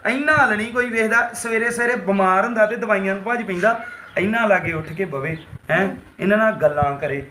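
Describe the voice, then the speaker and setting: A man's voice: high-pitched, a little fast, pushed and bright, roomy sound, slight background noise. Man playing a preachy nature-loving husband. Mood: lecturing. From Punjab. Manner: preachy, earnest, lecturing. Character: nature-loving husband who lectures his wife. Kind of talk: home-made short film acting.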